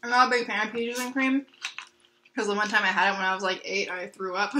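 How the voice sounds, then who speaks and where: A young woman talks casually and agreeably at home, often murmuring along. The home recording carries a steady, clearly audible hiss. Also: medium pitch, quick pace. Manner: easygoing, agreeable, fills with "mm-hmm". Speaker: vlog co-host. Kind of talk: casual chat. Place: home kitchen.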